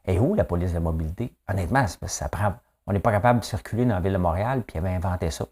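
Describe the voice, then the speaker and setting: A Québécois man talks through the day's news on his own, chatty and loose, tossing in little tag questions and exclamations. His voice sits low, with a dark, mellow warmth. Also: rapid-fire, slightly rough. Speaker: morning news commentator. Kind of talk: casual solo commentary.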